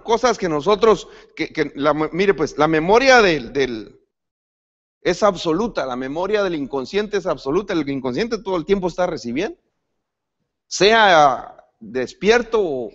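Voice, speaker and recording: Male pastor, preaching, lively higher voice, dull lo-fi recording, restarts words often. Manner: preaching, addresses the congregation as brother; lively pitch swings, rising to sudden emphatic peaks. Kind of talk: sermon.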